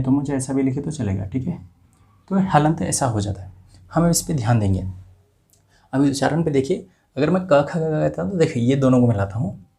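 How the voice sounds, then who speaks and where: A man teaching a script lesson, saying each letter slowly and carefully and repeating sounds one by one. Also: medium pitch, gravelly, dark tone.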